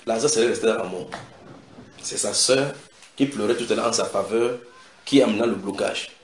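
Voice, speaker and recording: A man preaching a sermon, retelling scripture dramatically with sudden shouted quotes and direct questions to his listeners. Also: on the low side, normal speed, a little hiss or hum. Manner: asks the audience direct questions. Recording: echoey room.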